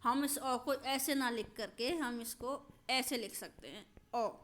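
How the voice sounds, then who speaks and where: A woman teaching a grammar lesson, slowly and patiently, repeating examples and checking that her students understand. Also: fairly high pitch, fairly bright tone.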